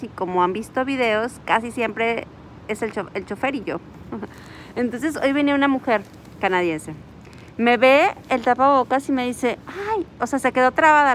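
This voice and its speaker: A woman's voice: a little high, a little hiss or hum, low-quality recording. A woman with a Mexican accent, telling a story in a casual vlog outdoors at a city bus stop and acting out the dialogue. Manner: animated storyteller, acts out quoted dialogue. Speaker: vlogger.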